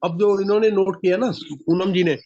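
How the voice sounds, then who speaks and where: A man's voice: sits high, steady tone, moderate pace, muffled recording, a crowd in the background. A man leading an online group session, often restarting his sentences and cutting in with a repeated no. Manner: frequent restarts, interrupts with repeated no. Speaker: session leader.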